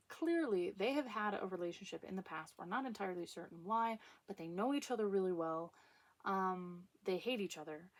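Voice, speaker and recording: A woman with a mid-range voice offers casual, opinionated commentary on literature, speaking emphatically and leaning on dramatic pauses.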